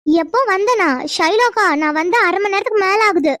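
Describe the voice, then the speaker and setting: Woman doing a super high little cartoon girl, chatty n eager, rattles along fast. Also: a bit bright, no echo, clean studio sound. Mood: pleading. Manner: chatty, pleading, sweet. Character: cheerful eager young village girl. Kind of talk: cartoon voice acting.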